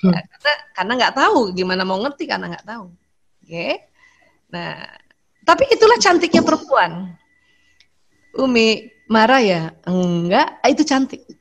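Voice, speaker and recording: A middle-aged woman with an Indonesian accent, speaking to a women's study group about marriage in a lively way and acting out short dialogues. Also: fairly high pitch, brisk, vocal fry, pauses often. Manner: animated, acts out short dialogues.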